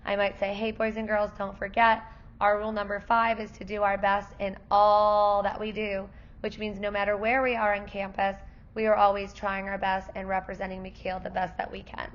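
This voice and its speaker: Presenting at parent night, a kindergarten teacher whose voice is fading explains class matters to parents kindly and clearly. Her mid-range voice is gravelly, worn and monotone, at a moderate pace, and the recording has its highs cut off.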